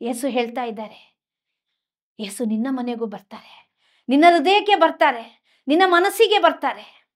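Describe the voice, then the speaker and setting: High-pitched woman preacher, fervent, repetitive, speaks straight to her listeners. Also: normal speed, pauses often. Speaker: preacher, religious sister. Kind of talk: impassioned sermon storytelling.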